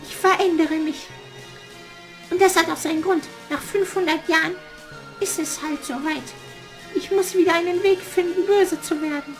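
A man voicing a scheming, bossy old witch in a puppet theater play, with a shrill falsetto cackle and a commanding, theatrical manner.

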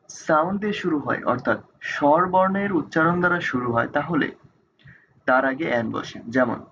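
Male tutor, unhurried with many pauses, slightly raised pitch, muffled low-fi recording. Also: fairly bright tone, a little hiss or hum. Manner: slow, deliberate, pauses with fillers. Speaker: English grammar teacher. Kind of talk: slow explanatory lesson. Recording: dull lo-fi recording with faint ambience.

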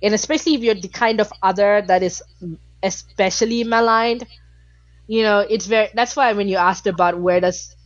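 A woman's voice: mid-range voice, normal speed, no echo. An outspoken woman from Malaysia talks as a podcast guest, emphatic and full of casual fillers. Her voice sits mid-range, recorded dry and somewhat dull, like a lo-fi home setup. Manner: animated, emphatic, frequent fillers. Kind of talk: casual interview talk.

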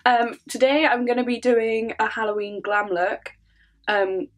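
A woman's voice: on the high side, steady tone, a little slow. A woman with a congested, sniffly voice chatting casually through a makeup tutorial, filling her talk with "um" and "like". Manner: chatty, many fillers like "um" and "like". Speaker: makeup vlogger.

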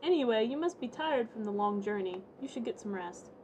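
A woman reads out a kindly old mayor from a farming game, helpful and small-town in manner. The voice is fairly high, with noise behind it. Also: expressive, brisk, a little mellow, close to an everyday voice.

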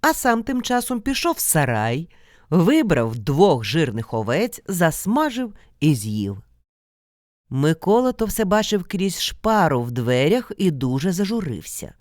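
A woman storyteller giving a theatrical, expressive scripted reading of a folk tale. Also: fairly low pitch, measured pace, no room sound, clean studio sound.

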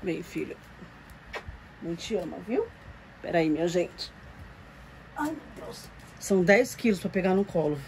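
A Brazilian woman with a fairly low voice talks casually to her viewers, doting and chatty. She coos at the doll she is holding. A faint hiss sits under her voice. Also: a little mellow, rough recording. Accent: Brazilian Portuguese. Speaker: reborn doll collector vlogger. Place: home room with doll shelves.

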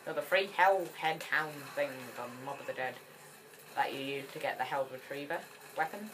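Female gamer, low register, chatty and excitable commentary. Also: moderate pace, noisy background. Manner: chatty and excitable, rambling with frequent restarts. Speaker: gaming channel host. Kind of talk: casual gameplay commentary.

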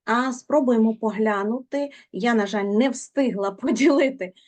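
A woman's voice: on the high side, normal speed, darkish tone. A woman teaching a poetry lesson, prompting her students with questions and coaxing them to answer. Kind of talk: literature lesson.

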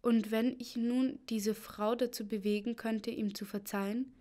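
A woman's voice: on the high side, steady tone, unhurried, mellow, close to an everyday voice. A woman voicing a distressed young queen who pleads anxiously. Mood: pleading.

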